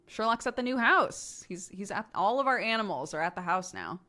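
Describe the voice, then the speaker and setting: A young woman streamer chatting casually, laughing often and tagging her stories with quick "right?" asides. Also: mid-range voice, lively intonation, pushed and bright, soft background music. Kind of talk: casual chat.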